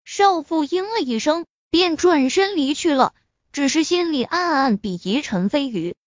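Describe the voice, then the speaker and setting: A woman narrating a web novel audiobook in an expressive storytelling manner, on a dull lo-fi recording. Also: sits high, a little slow, dry recording.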